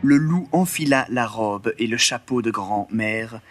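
A man narrating a storybook in an expressive, dramatic way with a slightly husky voice. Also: medium pitch, measured pace, soft background music. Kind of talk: storybook reading.

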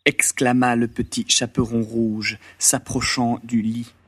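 A man narrating a storybook in an expressive, dramatic way with a slightly husky voice. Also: medium pitch, measured pace, dry recording. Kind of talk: storybook reading.

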